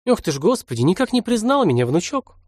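A man's voice: sits high, big pitch swings, fast talker, a little mellow, breathy edge, no echo, studio quality, pitched above the performer's own voice, heavily acted. A man voicing a doting, tearful old village grandmother who speaks in folksy rustic phrases, in an audiobook. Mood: fretful. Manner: folksy rustic speech, sobbing and fussing.

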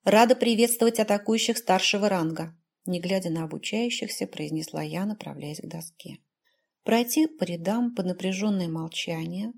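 A woman narrating a first-person fantasy novel as an audiobook, in a measured, even storytelling manner. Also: fairly low pitch, vocal fry.

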